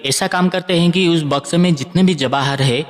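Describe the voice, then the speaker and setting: A man's voice: a little high, moderate pace, in a large hall, soft background music, lightly acted. A man doing a desperate young man. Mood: pleading. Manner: pleading.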